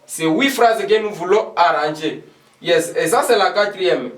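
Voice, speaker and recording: A man teaching English in a classroom, repeating example phrases slowly and switching between French and English. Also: high-pitched. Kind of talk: classroom lesson at a board. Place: classroom with a board. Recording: echoey room, voice from far off.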